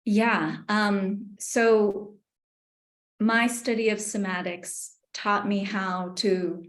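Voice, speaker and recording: A middle-aged woman from New York, a yoga teacher talking casually and thoughtfully in an interview, with many fillers. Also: medium pitch. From New York City. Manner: thoughtful, hesitant, many fillers and small laughs. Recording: roomy echo.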